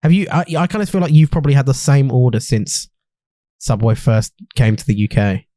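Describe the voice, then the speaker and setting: A man's voice: mid-range voice, lively intonation, fairly quick, warm tone, no room sound, studio quality. A young man co-hosting a podcast, teasing and swearing in casual banter. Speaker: podcast co-host. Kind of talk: casual chat.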